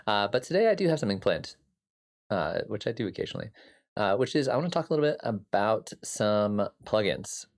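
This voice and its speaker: A man with a lowish, slightly scratchy voice hosts a casual music production livestream, very animated and fairly quick. He rambles easily with many fillers, greets viewers by name, and answers chat.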